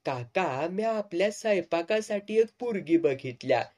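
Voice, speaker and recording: A man's voice: sits high, animated, normal speed, darkish tone, voice pushed up. A man voicing a cheeky young village man who eagerly boasts about a girl in rustic speech.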